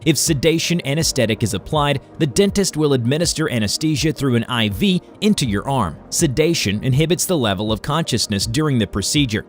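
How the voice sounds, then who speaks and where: A man narrates an educational medical explainer. His delivery is formal and instructional, with a mid-range voice and animated intonation. Faint music plays behind him. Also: medium pitch, brisk, few pauses.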